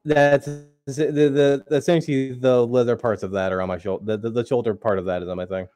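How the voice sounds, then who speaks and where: A man's voice: mid-range voice, steady tone, brisk, warm tone, soft background music. A man playing a tabletop role-playing game, chatting casually and stumbling over his words. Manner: puts on gruff foreign accent in character, stammers. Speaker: player. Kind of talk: tabletop role-play chat.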